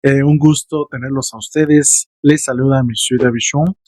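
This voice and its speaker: A man's voice: mid-range voice, steady tone, normal speed, a little mellow, no echo. A man teaching a French lesson online, addressing his students playfully.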